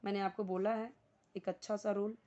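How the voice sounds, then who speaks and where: A woman with an Indian accent teaching basic spoken English, explaining patiently and repeating each English phrase slowly. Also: medium pitch, little pitch movement, mellow, dull audio. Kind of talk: spoken English lesson in Hindi.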